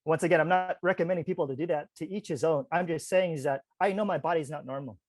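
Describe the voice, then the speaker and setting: Chatty forty-year-old man, slightly high voice. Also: fast, no room sound. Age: 40s. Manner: chatty, animated, many "like" and "you guys" asides. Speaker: podcast guest, spiritual teacher. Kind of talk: casual storytelling.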